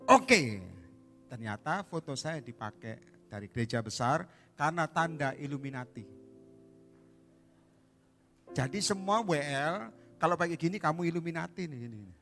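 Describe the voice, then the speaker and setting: Animated preacher man bright voice. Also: on the high side, moderate pace, long pauses, soft background music. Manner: animated storytelling with sudden shouts. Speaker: evangelist preacher. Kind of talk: sermon.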